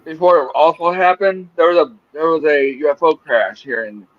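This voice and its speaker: A man's voice: fairly high pitch, animated, normal speed, lo-fi sound. A man in his forties chatting enthusiastically on a livestream. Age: 40s. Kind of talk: casual livestream chat.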